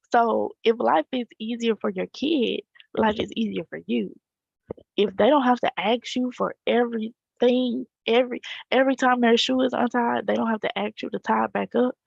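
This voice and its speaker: A woman's voice: fairly high pitch, vocal fry, no room sound, dull audio. A woman teacher, talking casually to parents and checking in with a rhetorical "right?". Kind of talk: casual direct talk to parents.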